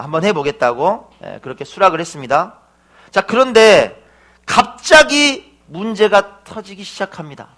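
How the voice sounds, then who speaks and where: Lively-voiced Korean pastor preaching. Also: male voice, high voice. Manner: storytelling with rhetorical questions and acted quotes. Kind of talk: sermon.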